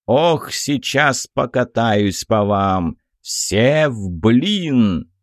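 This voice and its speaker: A man voicing a grumpy giant rolling head who sets riddles, speaking slowly and drawn out. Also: expressive, no echo, clean studio sound. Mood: threatening. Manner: slow drawn-out booming taunts.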